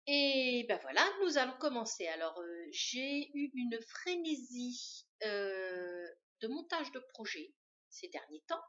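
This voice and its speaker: A woman's voice: fairly high pitch, very animated, slow pace, bright, forceful tone. A woman hosting a knitting podcast, showing her projects in a chatty, hesitant way with many fillers. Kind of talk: casual show-and-tell chat. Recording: dull lo-fi sound.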